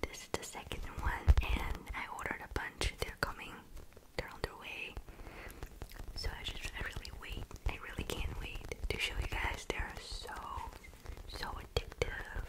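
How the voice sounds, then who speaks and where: Young woman in fast, whispered ASMR. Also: poor audio. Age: young adult. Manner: soft, unvoiced whisper, gentle rather than aggressive. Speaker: ASMR video creator. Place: small indoor room. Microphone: large foam-covered mic very close to the mouth.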